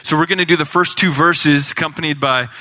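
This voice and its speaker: A man's voice: on the high side, fairly even intonation, brisk, sharp tone. A man from a gospel band speaking earnestly from a church stage, quizzing the crowd, with many ums. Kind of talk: stage introduction to a church audience.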